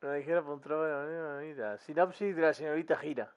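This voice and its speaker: A man's voice: on the high side, rapid-fire, clear, resonant tone, highs cut off. A man commenting casually on a game he is playing, joking and laughing. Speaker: gaming streamer.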